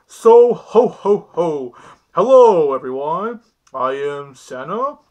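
A man's voice: fairly high pitch, lively intonation, slow pace, a little mellow, muffled recording. A young man voicing a foul-mouthed, cheerful little toy Santa in an amateur comedy skit. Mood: boisterous. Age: young adult. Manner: crude, swearing. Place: small bedroom indoors.

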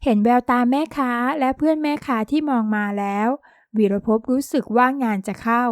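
A woman narrates an audio novel in a steady, even storytelling read. Her voice sits high. The recording is close and dry, with no room around it. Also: no room sound. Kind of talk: scripted narration.

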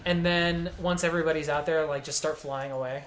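A man's voice: fairly high pitch, steady tone, brisk, a bit bright, a little hiss or hum. A young man co-hosting a gameplay video, rambling and joking as he explains the game. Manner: rambling, joking, lots of fillers. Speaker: let's play co-host, guide. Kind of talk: casual gameplay chat.

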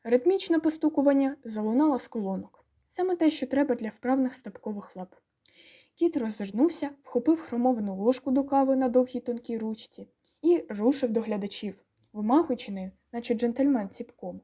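A woman narrating an audiobook with lively, expressive storytelling. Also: on the high side, a little fast, husky.

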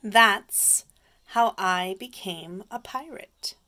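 A woman teacher reading a picture book aloud slowly and clearly for young children. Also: mid-range voice, pushed and bright.

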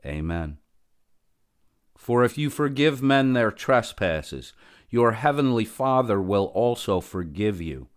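Slow, deep-voiced solemn male Bible reader. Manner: measured, solemn reading with long pauses. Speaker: scripture reader. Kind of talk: slow scripted Bible reading.

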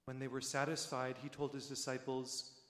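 A man reading the Gospel aloud as a priest during a church service, solemn and measured, with a cathedral echo around his voice. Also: medium pitch, completely flat delivery, a bit bright. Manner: slow, measured, deliberate phrasing. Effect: cathedral echo with long reverb. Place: large church. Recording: echoey church with long reverb.

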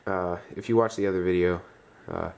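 A man giving a step-by-step tutorial, dictating instructions in short, clipped fragments with pauses between them. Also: low-pitched, fairly even intonation, gravelly, darkish tone. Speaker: tutorial presenter.

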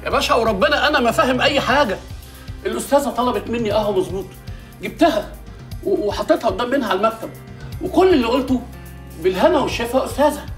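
An actor playing a humble, flustered office tea-boy who speaks Egyptian Arabic in a rapid, pleading, stammering way. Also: extremely high pitch, lively intonation, roomy sound, far from the mic, faint music behind.

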